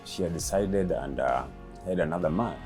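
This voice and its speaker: A man in his fifties, raised in Kenya, answering interview questions about his son in a slow, halting way with many pauses and fillers. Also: low voice, over music. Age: 50s. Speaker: interviewee, father of the late comedian.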